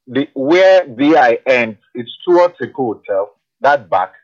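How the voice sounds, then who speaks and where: Hesitant fifty-year-old man, lively pitch. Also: a little slow, dry recording, lo-fi sound. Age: 50s. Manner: hesitant, searching for words. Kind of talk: casual radio chat.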